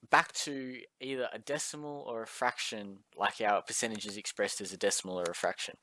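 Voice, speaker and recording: A man teaches a recorded maths lesson, talking casually and filling pauses with ums and uhs. His voice sits at an ordinary pitch, and the recording is dry and close with no room sound. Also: fairly bright tone, dry recording. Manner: casual, friendly, chatty with filler words.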